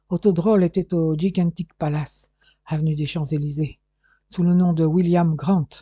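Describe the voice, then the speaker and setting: Guy doing a dying detective, weak breathy halting voice, dark and husky, audiobook. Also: fairly high pitch, dry recording. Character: dying older male detective, gasping, faint.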